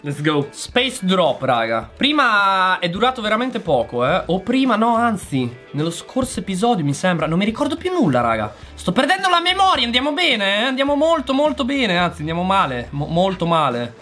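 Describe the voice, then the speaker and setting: Excitable man with a lively, bouncing voice. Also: high voice, normal speed, hardly any pauses, soft background music. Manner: excitable, exclamatory, talks straight to viewers. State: voice going hoarse. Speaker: gaming channel host. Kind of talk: casual gameplay commentary.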